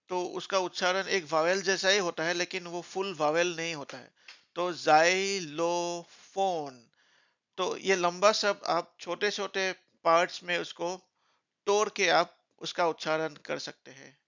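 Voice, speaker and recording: A man teaching beginner English in a lesson, speaking slowly and spelling words out letter by letter. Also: sits high, pushed and bright, clear, resonant tone, lo-fi sound.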